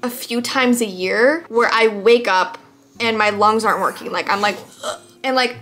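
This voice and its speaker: A woman vlogger telling personal stories in a casual, chatty way, animated and acting out bits of dialogue. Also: on the high side, normal speed. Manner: animated, acts out quoted dialogue. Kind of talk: casual chatty storytelling to camera.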